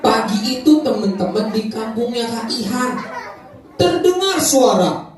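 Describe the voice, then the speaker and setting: A playful woman storyteller leading a room of children through hand movements, her speech slow and her pitch rising and falling widely. She sounds distant in a very echoey room, with a crowd of kids and music behind her. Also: very animated.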